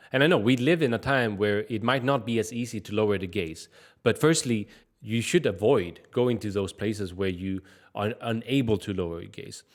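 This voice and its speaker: Man giving direct gym advice. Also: on the low side. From Sweden. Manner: direct, conversational, frequent "like" and "I mean" fillers. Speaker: fitness vlogger. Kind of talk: casual advice vlog.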